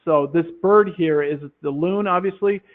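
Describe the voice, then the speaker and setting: A man demonstrating a classroom quiz game, explaining in a relaxed way with many fillers into a headset. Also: high voice, moderate pace. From Minnesota, USA. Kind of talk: software demonstration talk. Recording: tinny phone-like line.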